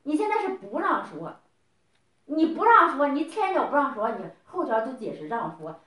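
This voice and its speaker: A woman's voice: sits high, sing-song, moderate pace, sharp tone, reverberant. A middle-aged woman scolding someone in a heated family argument, lecturing and firing off repeated questions.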